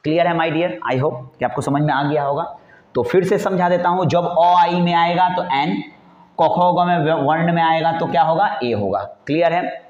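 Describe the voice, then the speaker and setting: A man teaches an exam-prep grammar lesson in a fairly high voice. He coaxes students along, asks questions and answers them himself, repeating every point. The sound is echoey and dull, like a lo-fi recording in a bare room. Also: normal speed, a little mellow, a little hiss or hum. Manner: repetitive, coaxing, asks and answers own questions.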